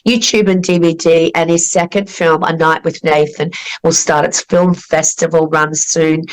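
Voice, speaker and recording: An Australian woman hosts a podcast interview at an unhurried pace. She pauses often on fillers and restarts her sentences, and her voice sits a little low. She sounds measured and careful. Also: low-quality recording. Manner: slow and deliberate, with frequent fillers and restarts. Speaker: podcast host.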